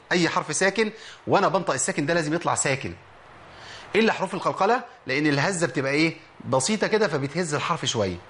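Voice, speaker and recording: Egyptian man teaching recitation rapidly. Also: fairly high pitch, a bit bright, a little hiss or hum. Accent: Egyptian Arabic. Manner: explains by demonstrating sounds, asks and answers his own questions. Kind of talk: tajweed lesson.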